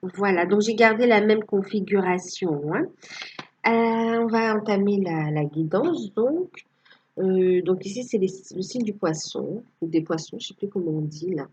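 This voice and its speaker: A woman's voice: mid-range voice, animated, measured pace, darkish tone, highs cut off, a little hiss or hum. A woman giving a casual tarot reading to her viewers, hesitant and full of fillers. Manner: hesitant, many fillers, tags with "hein". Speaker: tarot card reader.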